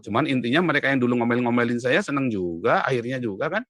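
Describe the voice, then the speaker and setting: Guy on an interview telling his story all fired up, bright voice, dry room. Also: mid-range voice, lively intonation, fast talker, no room sound. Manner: emphatic storytelling, voice rising sharply when stirred. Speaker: interview guest. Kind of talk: conversational interview.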